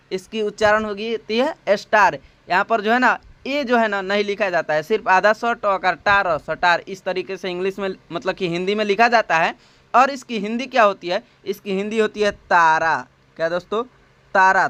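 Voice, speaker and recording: A man teaching English spelling and pronunciation, spelling each word out slowly and asking his viewers questions, recorded on a phone. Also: sits high, sharp tone, smooth, no room sound. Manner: slow and patient, spells words out letter by letter; repeats himself and asks the viewers questions.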